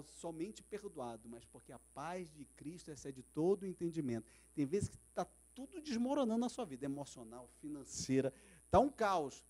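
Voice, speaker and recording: A pastor with a Brazilian Portuguese accent preaches at a church service in a high-pitched, darkish male voice. He tells stories dramatically and acts out the voices he quotes.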